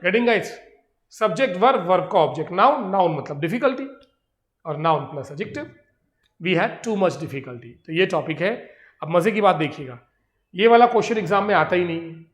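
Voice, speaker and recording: A man with an Indian accent teaching English grammar in a classroom lecture, explaining in Hindi and reading English examples slowly. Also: high voice, lively intonation, reverberant.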